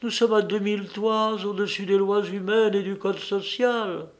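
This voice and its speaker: A man voicing a tearful wife who resigns herself melodramatically, pitching his voice up. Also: fairly even intonation, a little slow.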